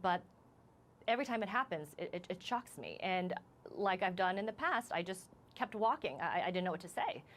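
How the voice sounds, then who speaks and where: Woman reporter, kinda low voice, shaken up, keeps restarting her sentences. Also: lively intonation, a little hiss or hum. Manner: shaken, halting, many restarts. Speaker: news reporter. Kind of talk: live news interview, recounting events.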